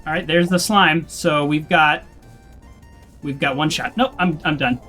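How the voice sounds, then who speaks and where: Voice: medium pitch, a little slow, a bit bright, soft background music. Chatty game streamer. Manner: chatty, with frequent restarts and laughs. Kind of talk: casual live-stream chat.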